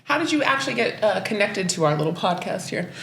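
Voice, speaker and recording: Podcast host, woman from Los Angeles, animated pitch swings, echoey room. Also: quick pace, slight background noise. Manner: bubbly, animated, playful. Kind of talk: casual podcast hosting.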